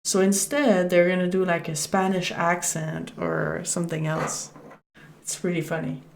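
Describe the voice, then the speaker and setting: A French Canadian woman with a French first language chats with viewers as she plays, reading on-screen text along the way. Her voice sits low and has a gravelly, fry-tinged edge. She jokes easily between lines. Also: flat delivery, normal speed, a little hiss or hum. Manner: chatty, joking, chatting with viewers. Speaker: game streamer. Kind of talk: casual let's-play commentary and reading game text aloud.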